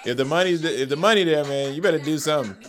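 A man's voice: on the high side, rapid-fire. A man co-hosting a casual show, reacting to music videos with loose, profane banter and laughter. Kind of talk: casual chat.

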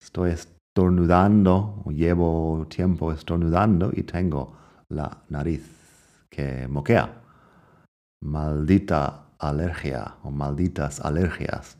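A man's voice: very deep voice, slow pace, mellow. A man from the United States teaching English phrases in a lesson, explaining patiently and reading each example twice with an American accent. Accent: American English in his English examples. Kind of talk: language lesson narration.

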